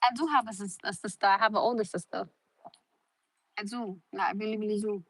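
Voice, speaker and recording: A young woman from South Norwalk, Connecticut, hosts a phone livestream, chatting casually to viewers. She rambles earnestly, repeats herself, and says "like" a lot, in a medium-pitched, fairly bright voice with fairly even intonation and a slightly fast pace. The recording has no echo but is low quality.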